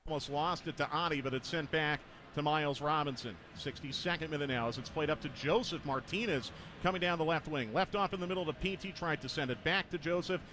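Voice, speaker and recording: A man calling a soccer match play-by-play, rising in pitch as attacks build. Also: fairly quick, sharp tone, a little hiss or hum. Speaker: play-by-play commentator. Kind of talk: radio-style soccer commentary.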